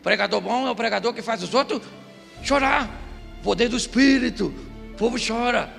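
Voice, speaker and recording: Gravelly high-voiced Brazilian preacher man. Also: normal speed, long reverb tail, faint music behind. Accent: Brazilian Portuguese. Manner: comic, shouting bursts, acts out voices. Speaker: pastor. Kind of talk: humorous Pentecostal sermon. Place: church hall.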